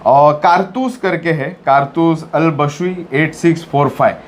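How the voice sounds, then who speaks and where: A man's voice: fairly high pitch, a little slow, a little hiss or hum. A man hosting a gossip show in casual chat, joking mockingly and reading out viewer comments.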